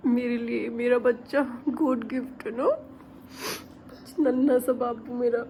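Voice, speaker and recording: A young woman filming a casual family vlog at home, chatting to the camera and switching to a high sing-song voice when she talks to her baby. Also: flat delivery, slow pace, warm tone, slight background noise. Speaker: vlogger mother. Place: home indoors.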